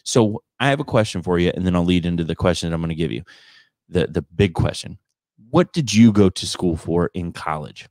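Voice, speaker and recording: A man's voice: low voice, lively intonation, a little fast, a little mellow, dry recording. A man hosting a podcast in casual chat, telling stories in a rambling, teasing way. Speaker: podcast host and stand-up comedian.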